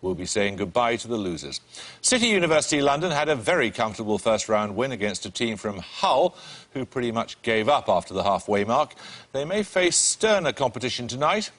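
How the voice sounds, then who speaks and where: A man hosting a television quiz show, reading questions in a crisp, dry and wry, briskly authoritative way. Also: medium pitch, fairly bright tone. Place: television studio.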